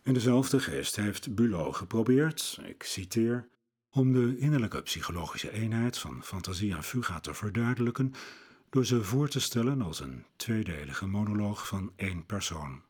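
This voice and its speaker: A man presenting a scripted talk on classical music, in a measured, lecturing way. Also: on the low side, lively intonation, slightly rough. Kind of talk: scripted narration.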